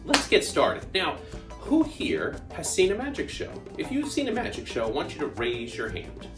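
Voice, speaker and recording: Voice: medium pitch, huge pitch swings, normal speed, roomy sound, over music. A children's magician hosting an interactive party-style magic show, exclamatory and playful, coaxing young viewers into call-and-response.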